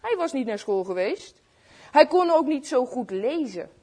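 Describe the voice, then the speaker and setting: A woman reading a Christmas story aloud to children, slow and expressive, speaking to her listeners. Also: high voice.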